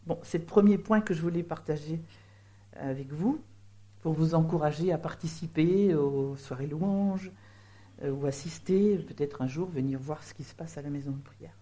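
A middle-aged woman preaches a sermon in French, her low, dark voice moving at a moderate pace. Acting as a preacher, she explains the meanings of words in a teaching manner.

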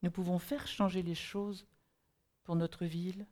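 A woman preaching a sermon and reading Bible verses, earnest, with halting restarts as she thinks aloud and emphatic rhetorical questions. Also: fairly low pitch, level tone, dark tone.

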